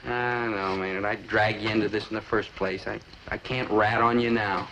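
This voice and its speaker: A man's voice: on the low side, fairly even intonation, normal speed, pushed and bright, rough recording. An actor playing a sensible, exasperated young American man, a loyal straight-man buddy in a 1960s sitcom. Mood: indignant, earnest. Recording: old TV soundtrack, faint noise.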